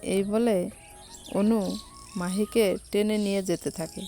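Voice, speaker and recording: A woman's voice: mid-range voice, steady tone, slow, dark tone, soft background music. Woman narrating a romance story.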